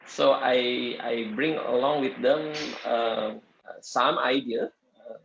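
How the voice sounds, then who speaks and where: Halting, slow-talking man on a muffled call. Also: mid-range voice, fairly even intonation, creaky, background noise. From Indonesia. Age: 30s. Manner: hesitant, many fillers and restarts. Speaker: guest lecturer, architect. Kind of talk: halting lecture in non-native English.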